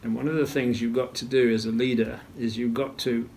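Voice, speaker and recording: Older man being interviewed, gravelly voice, keeps clearing his throat, measured and steady. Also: mid-range voice, a little hiss or hum. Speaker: retired naval officer interviewee. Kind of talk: interview recollection.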